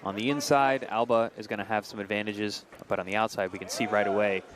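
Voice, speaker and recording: A man's voice: fairly low pitch, fairly even intonation, quick pace, noisy background. A man giving conversational, technical fight analysis as a live commentator. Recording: music behind the commentary.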